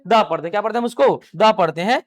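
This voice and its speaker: This English teacher, a man with a high voice, races through a live classroom grammar lecture. He throws questions at his students, answers them himself, and drills key phrases over and over.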